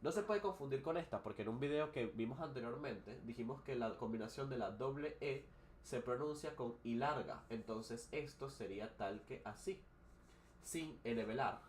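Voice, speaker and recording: A man's voice: medium pitch, normal speed, slight background noise. Man teaching English on a live stream. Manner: switches between Spanish and English, explains pronunciation with hesitant fillers.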